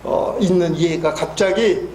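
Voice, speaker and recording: Pastor guy in his 50s preaching, soft asides then loud emphatic bits, roomy echo. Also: fairly high pitch, a little slow, slight background noise. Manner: storytelling, swings between soft asides and loud emphatic peaks. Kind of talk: sermon. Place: church sanctuary. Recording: echoey church hall.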